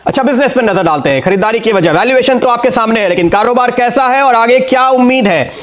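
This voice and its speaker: A man with a very high voice talks fast as he gives a steady stock market analysis, speaking directly to viewers and explaining why he recommends each share.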